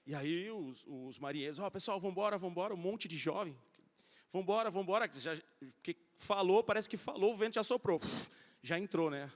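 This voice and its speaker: High-voiced pastor in a reverberant hall. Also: male voice, normal speed. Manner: storytelling, animated, acting out quoted voices. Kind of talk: sermon. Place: large church hall.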